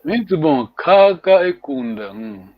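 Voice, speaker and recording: A man's voice: on the high side, sing-song, dry recording, dull audio. Patient man teaching a language online. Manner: patient, repeats words slowly for students.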